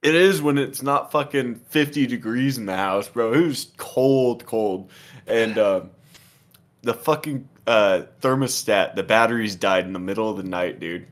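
A young man in his twenties talks in a laid-back, casual way, swearing freely and laughing often. His voice sits at an ordinary middle pitch. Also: measured pace. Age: 20s. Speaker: podcast co-host. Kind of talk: casual chat. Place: home, eating pizza.

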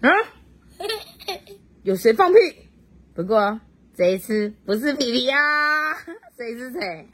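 A high-pitched woman with a husky, breathy edge reads a picture book aloud to a child at home. She leans into the story with lively swoops of voice and breaks off to ask the child questions. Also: slow pace, long pauses. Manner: expressive, swoops up for excitement, chats with the child. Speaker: parent reading to a child. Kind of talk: animated storybook reading.

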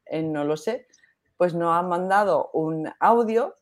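A woman's voice: lowish voice, takes it slowly. A woman co-host speaks in an easy, chatty way. She introduces a listener's audio and gives out the contact number. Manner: chatty, reads out phone number. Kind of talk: casual show introduction.

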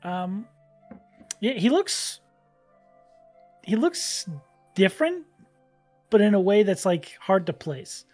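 A woman's voice: medium pitch, sing-song, slow, pauses often, a little mellow, soft background music. A woman narrating an improvised tabletop game as game master, playful and wry.

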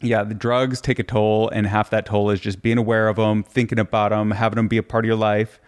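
A man's voice: on the low side, level tone, a little fast, clear, resonant tone. A man hosting a podcast in casual, musing conversation, joking and swearing freely. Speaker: podcast host.

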